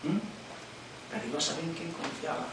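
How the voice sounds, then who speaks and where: A man's voice: fairly high pitch, little pitch movement, brisk, recorded from a distance, noisy background. A man preaching a sermon in a church, talking directly and conversationally to the congregation. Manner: conversational, addressing listeners directly. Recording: echoey church room from afar.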